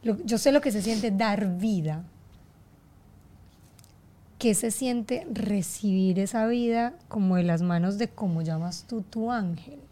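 A woman hosting a podcast interview, asking probing questions and reacting with quick exclamations. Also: medium pitch, dark tone. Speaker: podcast host. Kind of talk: conversational interview.

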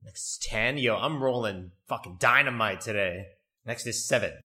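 A man's voice: lowish voice, moderate pace, bright, forceful tone. A man hosting a podcast in casual, jokey, profane chat, recorded in an echoey room that sounds like a cave. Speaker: podcast host. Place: echoey room in a new home, no studio setup yet.

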